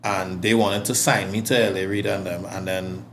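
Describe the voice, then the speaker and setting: A man's voice: sits low, flat delivery, normal speed, a bit bright, a little hiss or hum. A Trinidadian man, a guest singer-songwriter, talking casually on a podcast and telling stories with frequent stammered restarts.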